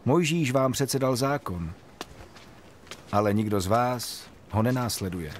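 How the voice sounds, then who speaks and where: A man voicing Jesus as a calm, authoritative teacher, speaking in a solemn, measured way over soft music in a Bible story. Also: mid-range voice, a little hiss or hum, natural voice.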